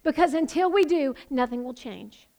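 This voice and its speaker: A woman's voice: sits high, animated, normal speed, a little mellow. A woman pastor preaching a sermon, passionate and building to emphatic proclamations.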